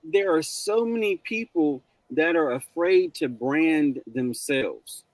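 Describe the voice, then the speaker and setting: High, lively man giving pep talk. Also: takes it slowly, no room sound, low-quality recording. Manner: lively, animated, preachy encouragement. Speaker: livestream guest. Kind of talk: casual livestream chat.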